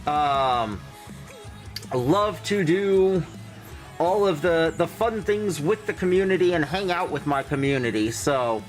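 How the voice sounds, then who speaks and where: High-voiced man, muffled as if hand over mouth. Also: expressive, unhurried, soft background music. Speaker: livestream host. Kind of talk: casual chat with viewers.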